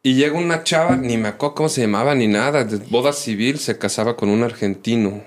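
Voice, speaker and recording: A man with a Mexican accent casually telling friends about his photography business, in relaxed slang with many fillers. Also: mid-range voice, fast talker. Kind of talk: casual podcast chat.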